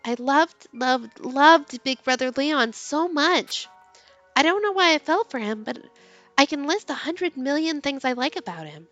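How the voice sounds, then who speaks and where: A woman reading game text aloud with expressive narration and casual commentary, as a let's player. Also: sits high, measured pace, lo-fi sound, faint music behind.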